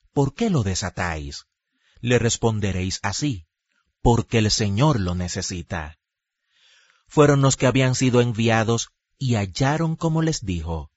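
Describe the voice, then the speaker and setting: Male narrator for biblical epic scripture: solemn, measured, mid-pitched, on a muffled dry track over music. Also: no room sound. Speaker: Bible narrator. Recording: dull lo-fi recording with music behind.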